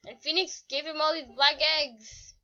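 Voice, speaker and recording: A woman's voice: high-pitched, normal speed, sharp tone. A woman hosting a casual gaming video, rambling and joking in slangy talk. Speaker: channel host. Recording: muffled lo-fi recording.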